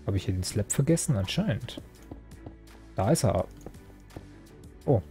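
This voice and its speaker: A man's voice: on the low side, expressive, measured pace, dark tone, soft background music. A young man commenting casually while he plays a video game, rambling and mocking himself, with many fillers and restarts. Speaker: Let's Play host.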